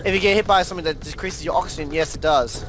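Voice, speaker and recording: A man's voice: a little high, racing. A man playing a video game with a friend, teasing and joking in casual let's-play chat. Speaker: gamer. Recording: game music behind.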